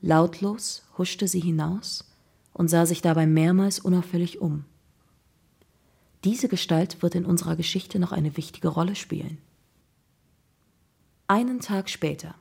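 A woman's voice: fairly low pitch, measured pace, creaky, long pauses, mellow, husky. A woman narrating a children's crime audiobook in a suspenseful storytelling manner.

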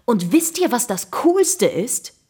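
Woman voicing an excited chattering schoolboy. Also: a little high, fast talker, husky, voice pushed up.

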